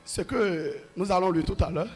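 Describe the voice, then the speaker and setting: A man pastor leading a shouted deliverance prayer at a church service, repeating commanding declarations. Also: sits high, normal speed, husky, in a large hall, soft background music.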